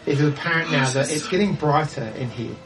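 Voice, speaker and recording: A man with a New Zealand accent who narrates as game master in a quick, rambling way with many restarts. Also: fairly high pitch, far from the mic, over music.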